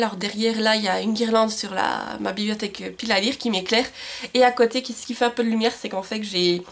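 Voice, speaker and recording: Woman, book vlogger, slightly high voice, loose chatty delivery with fillers, camcorder sound at home. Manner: chatty, many fillers and restarts. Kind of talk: casual book haul chat. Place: home room with bookshelves and Christmas lights. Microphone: camcorder mic.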